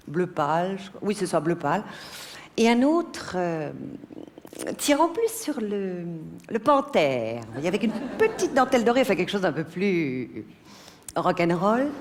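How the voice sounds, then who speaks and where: A woman's voice: medium pitch, a little hiss or hum. A woman performing a theatrical stand-up monologue on stage, flustered and stammering, turning biting and sarcastic. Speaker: stand-up comedian. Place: theater stage before a live audience.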